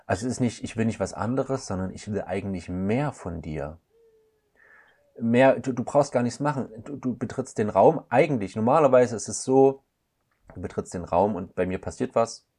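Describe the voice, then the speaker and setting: A man's voice: on the low side, expressive, normal speed, mellow. A man speaking as a couples counselor guest, in a thoughtful, searching way with frequent hesitations. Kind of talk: reflective podcast conversation.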